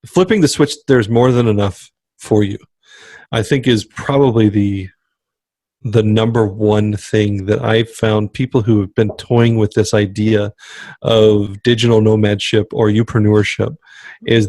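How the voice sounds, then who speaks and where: A man's voice: lowish voice, darkish tone, no echo. A man co-hosting a podcast in casual chat, talking emphatically and circling back to repeat his motivational point. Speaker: podcast co-host.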